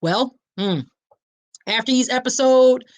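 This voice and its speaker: A woman's voice: high-pitched, slow, dry recording. Emphatic Philly-accented woman, middle-aged podcast host, very dry close sound. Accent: Philadelphia. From Philadelphia, USA. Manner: animated, talks directly to listeners, emphatic. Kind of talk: book discussion podcast.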